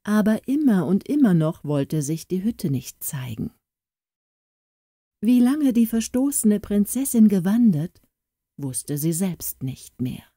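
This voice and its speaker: Slow, expressive woman reading a fairy tale. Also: mid-range voice, no room sound, studio quality. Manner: expressive, slow storytelling with voiced characters. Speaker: audiobook narrator.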